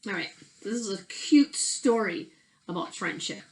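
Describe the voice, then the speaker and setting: At home in a bedroom, a middle-aged woman reads a storybook aloud to children, chatting casually and posing questions to her young listeners. Her voice is medium-pitched and animated with a measured pace, though the audio quality is poor.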